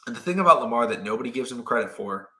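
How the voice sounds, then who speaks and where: A young man hosting a sports talk show, arguing his points and acting out players in quick quoted asides. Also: medium pitch, animated, sharp tone. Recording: roomy echo.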